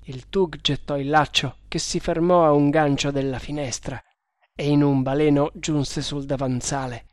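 A reader narrating an adventure novel in a measured, even storytelling manner. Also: medium pitch, dry recording, studio quality. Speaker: audiobook narrator.

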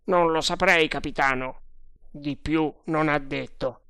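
A man voicing a calm, resourceful servant who speaks in a matter-of-fact way. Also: fairly high pitch, measured pace, smooth, no room sound, studio quality. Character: calm resourceful male servant, sly and confident.

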